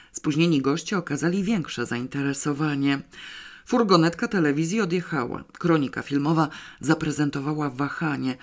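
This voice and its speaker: Lively audiobook narrator, dry comic tone. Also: mid-range voice. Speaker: audiobook reader. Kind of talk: scripted narration.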